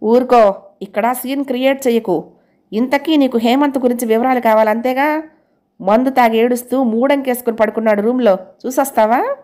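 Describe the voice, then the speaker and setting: Sneering spiteful office guy, woman reading him, kinda higher voice, storybook style. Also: moderate pace, warm tone, lightly acted. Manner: sneering, irritable. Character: spiteful boastful male office colleague.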